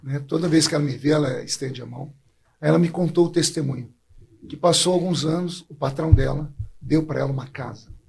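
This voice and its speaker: A man's voice: on the high side, fairly quick, a little mellow. A man from Brazil, a preacher, telling his personal faith story in a heartfelt way, his voice catching with emotion. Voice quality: gravelly, husky voice.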